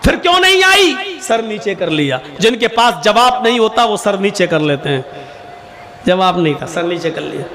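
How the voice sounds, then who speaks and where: High, bright-voiced male preacher. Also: moderate pace. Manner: emphatic storytelling, rising and falling for emphasis. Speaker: Islamic preacher. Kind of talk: sermon.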